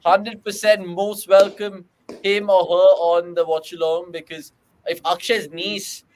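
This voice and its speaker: A man's voice: high voice, flat delivery, a little slow, a little hiss or hum, poor audio. A young man with a British accent hosts a live online cricket watchalong. He is chatty and easygoing, reacting to boundaries as they happen and putting viewer questions to his co-hosts.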